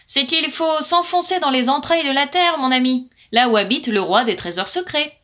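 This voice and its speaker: A woman's voice: sits high, moderate pace, fairly bright tone, voice pushed up. A woman voicing a cautious female magpie in a storybook tale, speaking in a confiding, warning tone.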